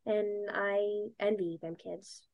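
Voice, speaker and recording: Slow and steady, with a medium-pitched voice on dull-sounding audio, this interview guest chats in a relaxed way. She's a young dancer and podcaster who reenacts old conversations and says "like" constantly.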